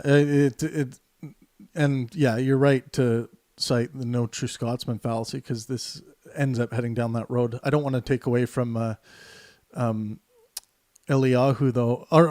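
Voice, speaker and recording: A man's voice: mid-range voice, a little mellow, no echo, clean studio sound. A man hosting a casual voice-chat discussion, thoughtful and hesitant, with many fillers and restarts. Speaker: host.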